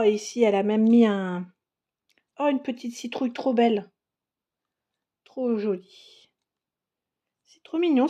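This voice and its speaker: A woman's voice: on the high side, warm tone. A woman narrating a crafting unboxing in a casual, chatty way, exclaiming over each item. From France. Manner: chatty, enthusiastic, exclaims and laughs often. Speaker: crafting vlogger.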